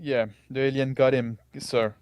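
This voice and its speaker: A man role-playing casually as a tabletop game player, halting and repeating his words. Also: medium pitch, little pitch movement, darkish tone, smooth, dry recording, highs cut off. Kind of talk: casual in-character role-play.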